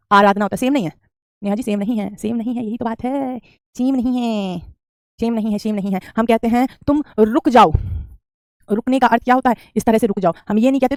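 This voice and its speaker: Woman, 30s, online Hindi teacher; repetitive, patient drilling; slightly high voice, dry sound. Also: dry recording. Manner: repetitive drilling, calls students beta. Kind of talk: online class teaching spelling.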